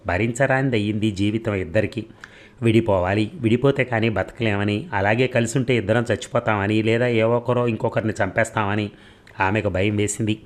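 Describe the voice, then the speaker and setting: Low-voiced man narrating a story. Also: normal speed. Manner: steady reading, voicing dialogue of both lovers.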